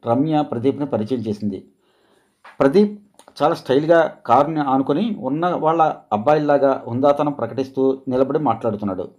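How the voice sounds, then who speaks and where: Male storyteller, calm scripted narration, mellow tone. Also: medium pitch, fairly quick.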